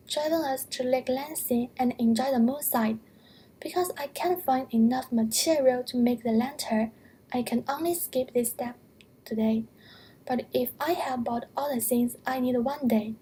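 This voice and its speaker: High, breathy young woman with a Chinese accent. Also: warm tone. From China. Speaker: student. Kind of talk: reading a prepared narration.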